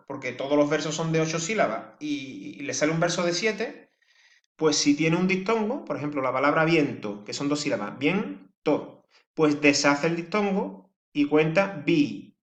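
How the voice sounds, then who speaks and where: A man teaching a lesson in a fairly high voice, walking through each point step by step and counting syllables out slowly. He keeps checking that his listeners follow along. The room around him is echoey. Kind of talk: classroom lesson.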